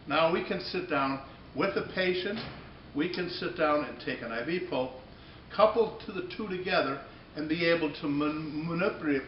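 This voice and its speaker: A man demonstrating a product for a company speaks in a slightly high voice, halting and unscripted, repeating and rewording phrases as he goes. The audio is dull and muffled, with an echoey room and noticeable background noise.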